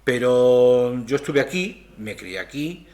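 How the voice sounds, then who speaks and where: An older man from Spain sits as a guest in a casual interview and reminisces at a slow pace, pausing often on fillers and restarting his sentences. His voice sits in an ordinary middle pitch and trails softly at the ends of his phrases. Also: very animated. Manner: rambling, hesitant storytelling.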